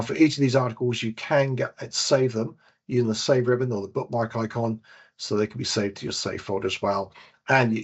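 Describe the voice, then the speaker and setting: In dull, lo-fi webinar audio, a British man working as a database trainer walks viewers through a software demonstration. He narrates every click, occasionally fixing his own slips, in a lowish, slightly rough voice.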